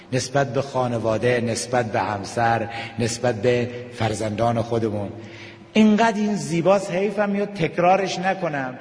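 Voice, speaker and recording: A man preaching an emotional sermon, telling stories and dropping his voice low for tender moments, then lifting into sung lines. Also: darkish tone. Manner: emotional, slows and drops to near whisper for tender moments, rises with sung passages. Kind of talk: religious sermon with storytelling. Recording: echoey hall reverb.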